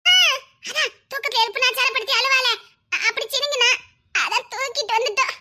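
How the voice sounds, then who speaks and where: A woman with a Tirunelveli Tamil accent, speaking in a very high, bright voice. She chatters fast and schemes through a village comedy sketch.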